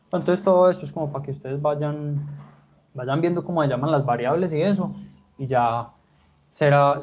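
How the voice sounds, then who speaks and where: A man's voice: medium pitch, a little mellow, lo-fi sound. A man teaching programming who thinks aloud while he types code, with many restarts and fillers. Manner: hesitant, many restarts and fillers like "pues" and "entonces". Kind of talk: live coding lesson.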